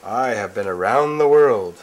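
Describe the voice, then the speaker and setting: A man reading aloud to small children as an earnest young storybook prince, in slow, exaggerated, simple phrases. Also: mid-range voice, huge pitch swings, slightly rough, pitched above the performer's own voice, exaggerated voice. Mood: earnest, declaring. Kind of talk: read-aloud reader's theater with children.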